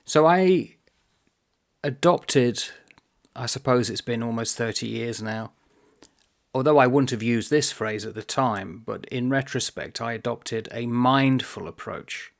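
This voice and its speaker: A middle-aged man talking about books in a thoughtful, unhurried way, pausing often as he muses aloud. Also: medium pitch, creaky. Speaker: book vlogger. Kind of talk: reflective book vlog talk.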